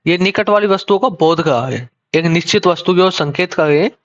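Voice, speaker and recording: A man with a somewhat high voice teaches a grammar lesson. He explains slowly and repeats himself, often breaking off and restarting his phrases. The recording sounds dull and lo-fi. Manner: slow, repetitive explaining with self-corrections.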